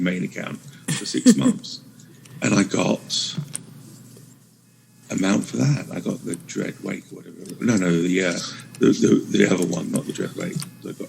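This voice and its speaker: Male guest co-host, deep gravelly voice, halting casual chat, slightly off-mic. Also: a little hiss or hum. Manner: halting, searching for words. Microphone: sits too far from his microphone.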